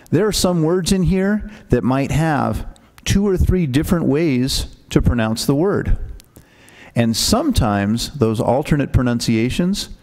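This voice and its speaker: Before the spelling bee begins, this man, serving as pronouncer, walks the young contestants through the rules over a mic with patience, frequently asking "okay?". He has a mid-range, slightly mellow voice.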